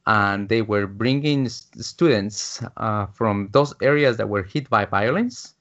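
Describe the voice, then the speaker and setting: A man's voice: medium pitch, fairly bright tone. Hesitant man from Guatemala, dull audio. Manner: hesitant, many fillers and restarts. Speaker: guest, business coach. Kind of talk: casual interview storytelling.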